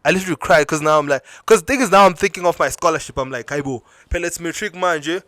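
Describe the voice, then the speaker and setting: A man's voice: a little high, fast, sharp tone, dry recording. A young man with a South African accent telling a personal story to camera, emotional and repeating himself, switching between English and Zulu mid-sentence. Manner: emotional, restarts and repeats himself while recounting. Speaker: vlogger.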